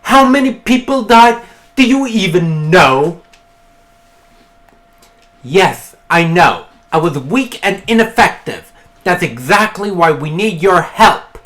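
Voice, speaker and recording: A gamer voicing a cold, calculating male strategist, reading game dialogue aloud slowly. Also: medium pitch, expressive, fairly bright tone. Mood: stern. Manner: reads game dialogue aloud, slow and measured.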